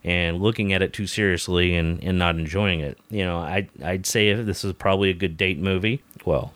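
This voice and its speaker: Low-voiced man in a relaxed film chat. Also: moderate pace, dry recording. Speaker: podcast co-host reviewing a film. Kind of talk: casual conversation.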